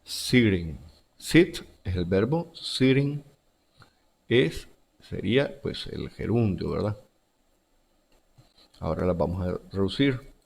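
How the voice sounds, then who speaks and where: A man's voice: low-pitched, animated, takes it slowly, creaky, pauses often, darkish tone, husky. A male teacher giving a recorded grammar lesson to schoolchildren, repeating each example word and rule. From Central America.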